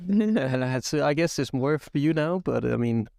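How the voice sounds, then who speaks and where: A young man who grew up in Belgium, co-hosting a casual podcast as a software engineer, talking haltingly with many fillers but with enthusiasm. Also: fairly high pitch, animated, gravelly, dry recording, studio quality. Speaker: podcast co-host.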